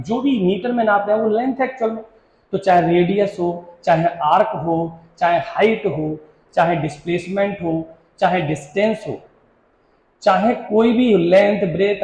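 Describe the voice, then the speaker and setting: A man teaching a physics class, slowly repeating definitions and quizzing students, mixing in English terms. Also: sits high, a little mellow, echoey room, low-quality recording. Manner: mixes Hindi with English terms. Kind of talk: classroom lecture.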